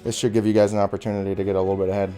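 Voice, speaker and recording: A man's voice: on the low side, little pitch movement, dark tone, soft background music. A man narrating as game master of a tabletop game, with an easygoing, chatty manner. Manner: easygoing, chatty, with quick laughs between narration.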